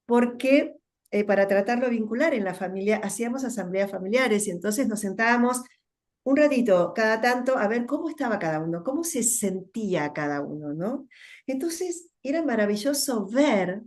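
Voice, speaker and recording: A middle-aged woman with a Rioplatense Spanish accent, a guest telling her story in a thoughtful interview, often pausing and repeating words as she searches for them. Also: a little high, animated, a little mellow. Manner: thoughtful, with many fillers and repetitions. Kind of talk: reflective conversational interview.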